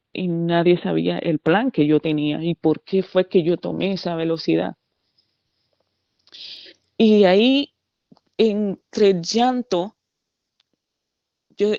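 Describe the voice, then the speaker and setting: A woman giving an earnest personal faith testimony, halting and restarting often. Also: fairly low pitch, gravelly, darkish tone, no room sound, highs cut off. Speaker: testimony speaker.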